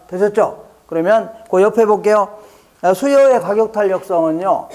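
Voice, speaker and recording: A man with a notably high voice lectures a classroom of exam students. He says each key phrase twice and keeps checking that the class is following. Now and then he trades light jokes with the students. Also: warm tone.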